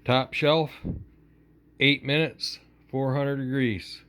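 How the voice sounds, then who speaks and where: A man with an unhurried, easygoing drawl talks through a home-cooked snack in a casual cooking vlog. His voice sits at a middle pitch, folksy and chatty. He is recorded on a handheld phone in a cabin kitchen. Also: level tone, fairly bright tone, slight background noise.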